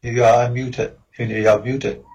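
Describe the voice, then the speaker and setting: A man's voice: medium pitch, flat delivery, a little slow, darkish tone, breathy edge. A man from Tanzania, a professor chatting in friendly short replies on a video call. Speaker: professor and panelist. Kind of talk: casual video-call chat. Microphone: computer mic on a video call. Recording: dull lo-fi video-call audio.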